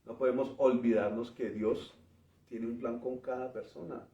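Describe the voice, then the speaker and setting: A man preaching a teaching sermon, explaining word meanings in a measured way and often ending phrases with a questioning tag. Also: mid-range voice, fairly even intonation, mellow. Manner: pauses and restarts while working through word meanings. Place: church. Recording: roomy, distant, dull church recording.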